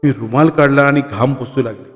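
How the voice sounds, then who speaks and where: A man reading a short story aloud in a measured, emotional way. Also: medium pitch. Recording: long reverb with soft music.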